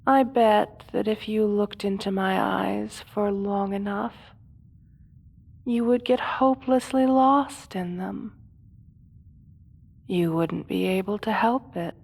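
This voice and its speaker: A woman playing a seductive, manipulative supervillain in a hypnosis audio role-play, speaking softly with slow theatrical menace, often slipping into a whisper. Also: mid-range voice, vocal fry, husky, exaggerated voice. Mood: seductive, hypnotic menace. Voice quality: soft, often dropping to a whisper.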